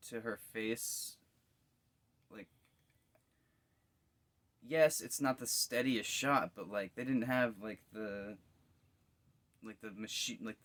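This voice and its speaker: A man's voice: fairly low pitch, a bit bright. A tired man giving casual reaction commentary, yawning and musing loosely as he watches. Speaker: video reactor.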